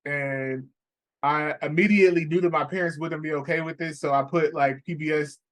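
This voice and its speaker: Brief: man in his thirties, podcast co-host, lively storyteller, a bit higher voice. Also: moderate pace. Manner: animated storyteller, laughing, acting out quotes. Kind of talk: casual chat.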